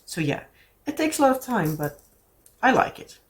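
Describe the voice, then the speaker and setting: A Dutch woman from the Netherlands who vlogs about crafts chats casually to the camera in a fairly high, sing-song voice at a moderate pace. She rambles, with lots of fillers and restarts.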